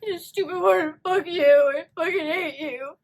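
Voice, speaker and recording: A woman reacting to a movie on her first watch at home, emotional, loud and swearing freely. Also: extremely high pitch, measured pace. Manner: emotional, loud and profane outbursts.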